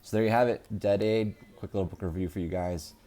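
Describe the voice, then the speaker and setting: A man's voice: on the low side, steady tone, quick pace, warm tone. A man in his thirties giving a casual, unscripted book review, with many ums and restarts. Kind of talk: casual solo video review.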